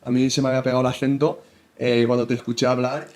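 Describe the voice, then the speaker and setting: Halting Spanish man in an interview. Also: medium pitch, little pitch movement, darkish tone. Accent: Spain. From Spain. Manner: halting, many fillers and restarts. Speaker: football analyst and coach, guest. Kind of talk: casual interview chat.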